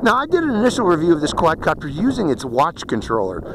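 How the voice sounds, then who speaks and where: This middle-aged Pittsburgh-accented man hosts a drone channel and is reviewing a product hands-on, chatting through it step by step outdoors. His fairly high voice swings hugely in pitch and moves fast. Recorded on a body-worn hat camera in a windy desert canyon, the sound is noisy outdoor action-camera audio.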